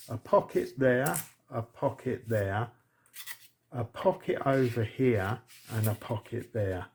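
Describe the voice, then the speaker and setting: A man's voice: medium pitch, vocal fry. A man hosting a casual crafting tutorial, chatty and thinking aloud as he works. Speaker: crafting channel host.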